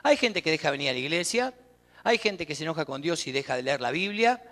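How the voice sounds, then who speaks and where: A man's voice: on the high side, animated, fast talker, pushed and bright. A man with an Argentine accent preaching a sermon as pastor, emphatic and putting questions straight to the congregation. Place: church sanctuary. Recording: long church reverb.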